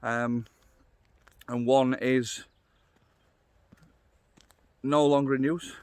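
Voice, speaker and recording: A middle-aged man with a Yorkshire accent talks casually as he guides viewers along an outdoor trail. His delivery is unscripted and down-to-earth, as he thinks aloud into a phone held at arm's length. His pitch sits in an ordinary middle range for a man. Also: fairly even intonation, extremely slow, a little mellow, clean tone, dry recording. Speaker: vlogger, walking guide. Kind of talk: casual walking vlog narration.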